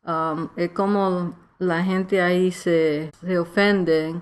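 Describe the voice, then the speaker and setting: Her voice is on the low side, steady and clean as this Nuyorican author from New York, United States talks in a reflective personal interview. She speaks slowly in halting Spanish, reaching for words and switching into English, in casual Spanglish with a New York Puerto Rican accent.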